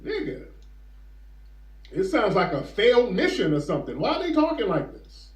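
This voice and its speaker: Man, commentator, incredulous questioning tone, lively swings in pitch, echoey room. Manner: incredulous, rhetorical questioning, reads headlines aloud slowly. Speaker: commentator reading news headlines. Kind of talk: casual commentary on articles.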